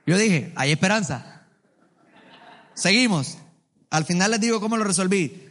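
A man preaching a sermon to a congregation, lively and colloquial, with joking asides, calling on the listeners to answer back. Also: high-pitched, measured pace. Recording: long hall reverb.

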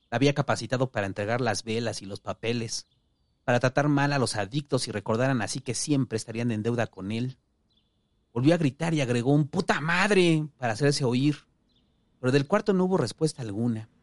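A man narrating a story in a steady, measured reading voice. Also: mid-range voice, dry recording. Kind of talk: audiobook narration.

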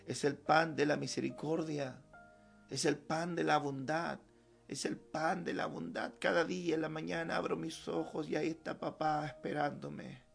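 A man's voice: a little high, creaky. A man preaching a fervent sermon as pastor at a church service, repeating his key phrases for emphasis.

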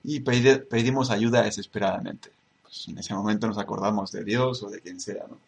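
A man from teaching a yoga tutorial, speaking in a measured way and repeating key words for emphasis. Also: lowish voice, creaky, a little hiss or hum. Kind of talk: spoken tutorial.

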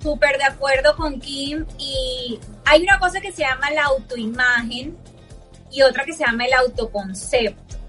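A woman's voice: high voice, moderate pace, a bit bright, soft background music. A woman in a casual panel chat about parenting, telling stories animatedly and acting out the dialogue she quotes. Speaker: co-host.

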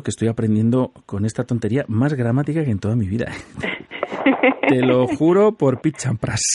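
Dark husky-voiced radio host. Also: male voice, medium pitch, no echo. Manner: chatty, laughs often, explains word origins. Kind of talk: casual radio chat.

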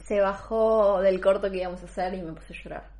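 A woman's voice: mid-range voice, brisk, a little mellow, roomy sound. A young woman with an Argentine accent, a film student co-hosting a casual podcast, self-mocking with hesitant fillers. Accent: Argentine Spanish. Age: young adult. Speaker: podcast co-host. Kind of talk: casual chat.

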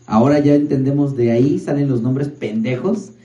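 A man's voice: mid-range voice, steady tone, normal speed, dark tone, highs cut off. A young man with a Mexican accent joking in casual banter, full of crude slang. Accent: Mexican Spanish. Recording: roomy echoey sound.

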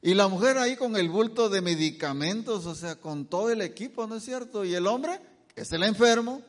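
High-voiced man lecturing a church crowd. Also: expressive, moderate pace. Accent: Mexican Spanish. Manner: asks the audience questions and answers them himself. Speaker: guest doctor giving a health talk. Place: church hall.

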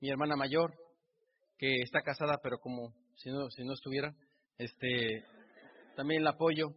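A man's voice: mid-range voice, fairly even intonation, moderate pace, breathy edge. A middle-aged man with a Mexican Spanish accent giving an emotional motivational speech, piling up repeated rhetorical phrases. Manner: repetitive rhetorical build-ups. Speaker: motivational speaker. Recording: dull recording in a reverberant hall.

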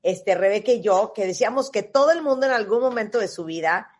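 A woman's voice: medium pitch, lively intonation, fast talker, darkish tone. A woman hosting a casual talk show and introducing her guest. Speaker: host. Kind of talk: casual chat.

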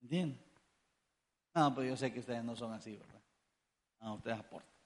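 A man's voice: medium pitch, normal speed. A man preaching a sermon. He calls his listeners brother and fires rhetorical questions between joking asides. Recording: echoey hall with long reverb.

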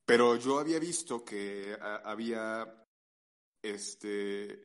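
A man's voice: fairly low pitch, slow pace. Swearing Mexican man telling a story. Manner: swears a lot, animated storytelling. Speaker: podcast host. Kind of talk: casual chat.

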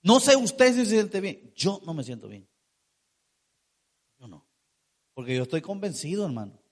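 A man's voice: high voice, very animated, moderate pace. A man preaching a sermon, emphatic, asking rhetorical questions and drawing out key words.

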